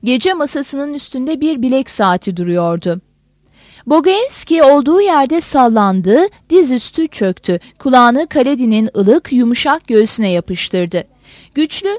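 A woman gives an expressive audiobook reading of a novel, her high voice rising and falling widely. The sound is dry and close to the mic, with no room around it. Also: unhurried, no room sound. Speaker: narrator.

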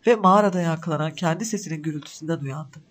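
A man narrating a story aloud with measured, dramatic pacing. His voice sits notably high for a man, and he reads each line with care. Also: a bit bright.

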